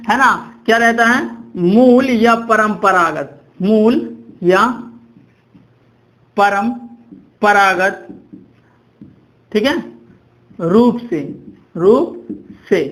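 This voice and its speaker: A young male teacher with a very high voice runs through a grammar lesson. He poses questions to the class and answers them himself. He repeats key terms and slows to a crawl when dictating. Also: fairly bright tone. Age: young adult. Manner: drawn-out dictation while writing.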